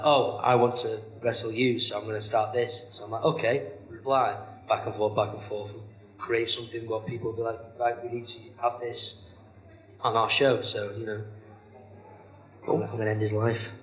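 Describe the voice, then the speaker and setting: This low-quality recording catches a young professional wrestler at medium pitch in a casual interview, with a roomy sound and a little hiss or hum. He rambles, fills gaps with "you know," and describes himself as monotone.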